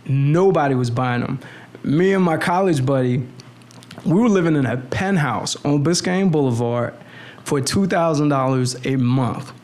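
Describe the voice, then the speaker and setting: In a small studio room, a young man who designs clothes chats casually on a podcast at normal speed, an animated storyteller who restarts often and uses lots of slang. Born in the Philippines as a Navy brat, he has lived in Miami, and he speaks into a boom mic on an arm at the table.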